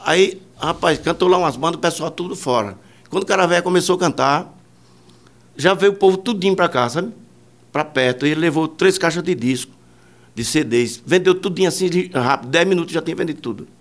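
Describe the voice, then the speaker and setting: A man's voice: on the high side, brisk. A man, a musician and producer, telling rambling anecdotes in a casual interview, full of fillers and quoted dialogue.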